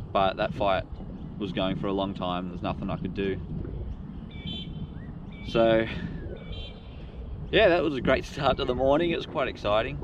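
Man on a windy lake. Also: fairly low pitch. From Australia. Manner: chatty and plain-spoken, quick to exclaim. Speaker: fishing vlogger. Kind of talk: casual talk to camera while kayak fishing. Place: kayak on a lake outdoors. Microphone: action camera. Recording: wind and water noise outdoors.

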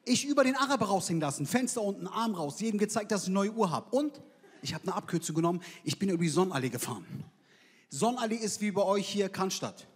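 Quick and slightly rough, a man's high voice carries lively intonation through a brash stand-up set full of slang and punchy lines. He performs with a handheld mic in a large theater, the live audience reacting around him.

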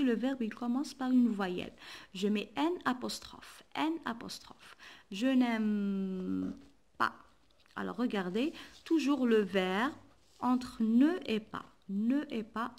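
A woman's voice: on the high side, darkish tone. A woman teacher, patiently explaining a workbook lesson and spelling letters aloud. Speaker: primary school teacher.

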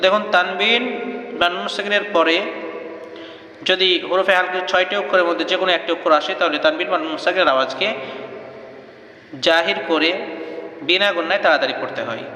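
A man teaching Quran reading, spelling out letters and marks, then chanting the joined words slowly in a sing-song way. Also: sits high, fairly even intonation, bright, forceful tone. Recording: echoey room with long reverb.

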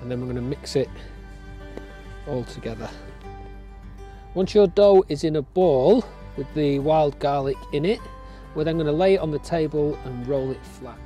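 A man's voice: a little high, normal speed, pauses often, warm tone, soft background music. A middle-aged man from England, walking through an outdoor cooking tutorial in a friendly, step-by-step way, recorded outdoors in woodland. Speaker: family nature educator.

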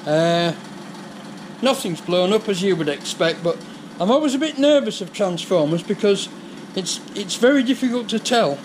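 A man's voice: high voice, animated, normal speed, a little hiss or hum. An older man with a Yorkshire accent, chatting through a repair in his garage workshop on a head-worn camera. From England. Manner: chatty, explaining repairs step by step. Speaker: vlogger. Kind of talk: casual workshop vlog. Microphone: head-mounted action camera.

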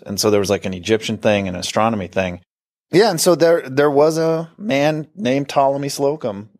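A middle-aged man from Northern California, an actor guest chatting casually in an interview, rambling and self-deprecating with restarts. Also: on the low side.

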